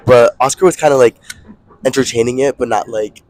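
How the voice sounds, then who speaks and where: A man's voice: mid-range voice, steady tone, fairly quick, a little mellow, dry recording. A young American man co-hosting a podcast in casual, gossipy, slangy chat full of exclamations. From US East Coast, Connecticut. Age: young adult. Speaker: podcast co-host. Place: aboard a moving train. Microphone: close podcast microphone.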